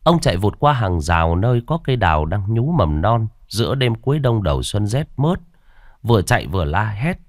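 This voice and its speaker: A man reads a spooky story aloud in a low voice with a lively, swinging melody. The recording is close and dry, with no room sound. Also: no echo. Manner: expressive storytelling. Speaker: narrator. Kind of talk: scripted horror story narration.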